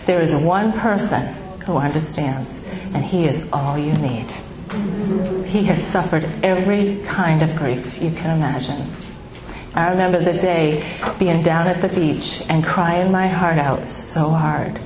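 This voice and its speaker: In a noisy, echoing hall, a middle-aged woman gives personal testimony to those at a grief support gathering. Her deep voice is nonetheless soft and small, baby-like in her own words. Her delivery is halting and heartfelt, with lots of ums and restarts.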